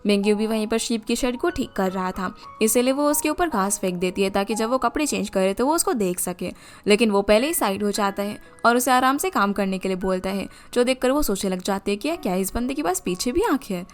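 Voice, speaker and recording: A woman retelling the plot of a drama series as a scripted narration, in an even storytelling manner. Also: mid-range voice, brisk, few pauses, faint music behind. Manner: steady retelling of plot in the third person.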